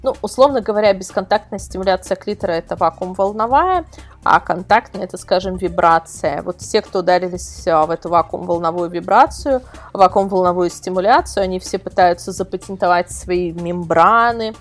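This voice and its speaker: Invited onto a podcast, a woman who edits an adult toy website explains things in a casual, wordy way packed with qualifiers. Her voice is lowish and brisk, with soft music playing in the background.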